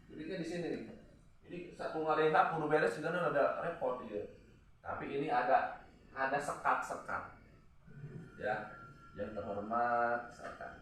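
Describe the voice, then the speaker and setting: A man's voice: medium pitch, a little hiss or hum. Man, classroom teacher, playful, distant mic, echoey room. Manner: joking, lively teaching with drawn-out spoken examples. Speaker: teacher at an Islamic boarding school. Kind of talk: classroom English lesson.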